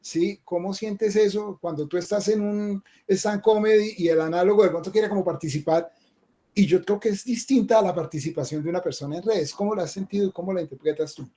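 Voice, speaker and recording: This Colombian man, a game streamer, hosts a webinar over a video call, chatting casually and tagging his remarks with quick asides. His voice is high-pitched and warm.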